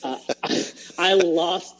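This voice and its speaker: A man's voice: high-pitched, slow pace, low-quality recording. A man on a podcast chatting casually, rambling with many fillers and restarts and laughing as he retells scenes. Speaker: podcast co-host. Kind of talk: casual chat.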